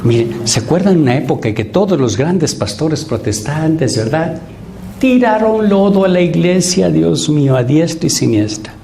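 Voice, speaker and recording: Animated preaching priest, lively pitch. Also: male voice, moderate pace, vocal fry, noisy background. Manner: animated, acts out quoted voices, asks the audience rhetorical questions. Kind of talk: Lenten retreat preaching.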